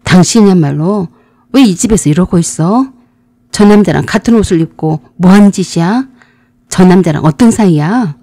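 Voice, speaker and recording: A woman voicing a betrayed husband who loudly confronts his wife and her lover. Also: on the low side, lively intonation, moderate pace, no room sound. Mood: angry. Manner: loud, confrontational. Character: furious betrayed husband, installation worker.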